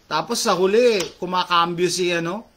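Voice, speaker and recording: A man's voice: high-pitched, moderate pace, fairly bright tone, slight background noise. A middle-aged man chatting casually to viewers as host, reading out comments and mixing English phrases into his Tagalog with frequent fillers. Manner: talkative, mixes English into Tagalog, many fillers.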